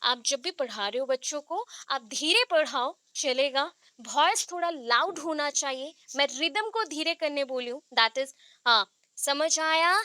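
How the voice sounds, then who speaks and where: A woman's voice: high-pitched, expressive, measured pace, pushed and bright, dry recording. A woman teacher giving a class over a video call, explaining step by step and often checking whether the students follow. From India. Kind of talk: online class lecture.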